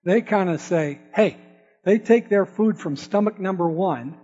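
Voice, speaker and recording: A man's voice: high-pitched, moderate pace, dark tone. A man preaching to an audience, telling a playful folksy farm story and joking with the crowd. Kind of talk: sermon with storytelling. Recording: dull audio with long hall reverb.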